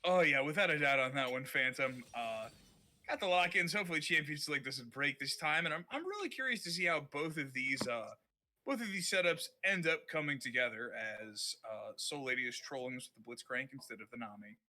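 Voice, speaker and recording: A man's voice: fairly high pitch, lively intonation, brisk, bright, forceful tone. A man doing casual esports commentary, teasing his co-caster in dry, playfully formal phrasing. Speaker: esports shoutcaster.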